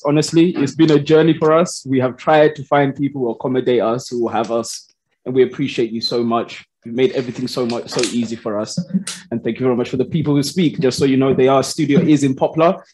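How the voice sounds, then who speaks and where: A man with a medium-pitched, slightly mellow voice closes out a live panel. He's a podcast host, upbeat and chatty, offering thanks in his closing remarks from a community studio with a live audience.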